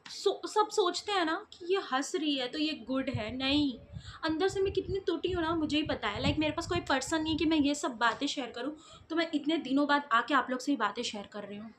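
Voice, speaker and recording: A woman's voice: sits high, a little fast, a little hiss or hum. A young woman vlogger chatting casually to her viewers, telling stories in a giggly, talkative way.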